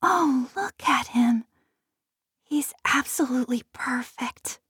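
An actress playing a tender, dreamy young farm girl in an audiobook, speaking in hushed, breathy wonder. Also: sits high, slow pace, dry recording, clean studio sound, full character voice. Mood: awed. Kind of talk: audiobook full-cast character acting.

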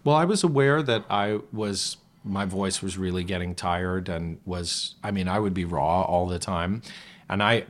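A man's voice: low voice, a little slow. A man, a musical theatre actor, talking as a guest in a casual conversation, reflective and rambling, often restarting his sentences.

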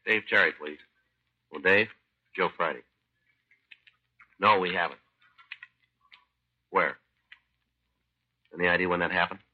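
An actor playing a tough, terse American police detective who also narrates in a deadpan, matter-of-fact way, in 1950s radio drama style. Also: male voice, deep voice, slow, long pauses, breathy edge, dull audio, full character voice. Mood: flat, businesslike.

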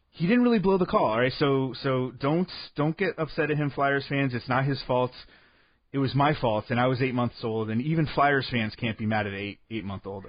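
A man telling a comic sports story in a deadpan way, full of absurd made-up details, rambling and restarting his sentences. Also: mid-range voice, dry recording, lo-fi sound. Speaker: comedic storyteller.

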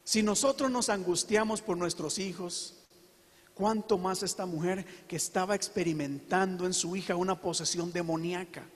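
High-voiced man preaching in a reverberant hall. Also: fairly even intonation. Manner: earnest, emphatic preaching with slow dramatic pauses. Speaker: pastor. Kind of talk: sermon.

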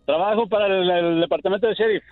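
A man calling in to a radio show, telling a joke in a relaxed way. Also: sits high, fast talker. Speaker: caller. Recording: tinny phone line with faint music.

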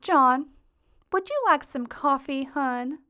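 A woman voicing her sweet elderly grandmother with a gentle Southern accent. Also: high-pitched, slow, voice pushed up, full character voice.

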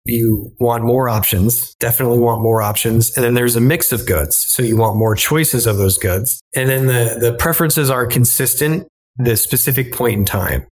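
A man's voice: medium pitch, moderate pace. Guy from illinois, professor type, walks you through it with easy examples. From Illinois, United States. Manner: explanatory, teaching with simple examples. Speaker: finance professor, guest. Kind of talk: interview answers.

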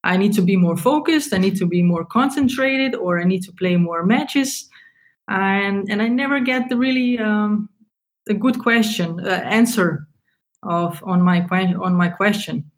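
A woman from Slovenia in her thirties speaks as an interview guest. She hesitates and restarts, searching for her words as she goes. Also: medium pitch. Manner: halting, searching for words, non-native English. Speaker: guest, tennis coach. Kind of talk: casual interview talk.

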